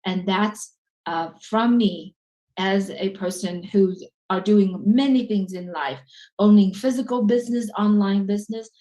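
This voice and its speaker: A businesswoman co-hosting a webinar over a video call, speaking as a with an emphatic sales pitch. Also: unhurried, warm tone, rough recording. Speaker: webinar co-host.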